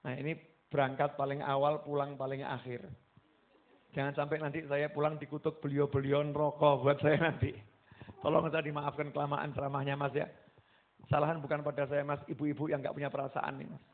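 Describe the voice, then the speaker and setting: A man with a Javanese accent preaching a sermon to a gathering, animated and acting out voices as he goes. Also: a little high, fairly quick. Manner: animated, mixing Javanese into his talk, acting out quoted voices. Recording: tinny phone-like sound.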